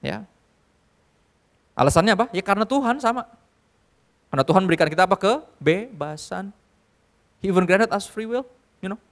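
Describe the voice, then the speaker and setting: High-voiced preacher man. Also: normal speed, pauses often. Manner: lively, switching into English, joking with the crowd. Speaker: youth pastor. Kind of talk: sermon. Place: church hall with a live audience.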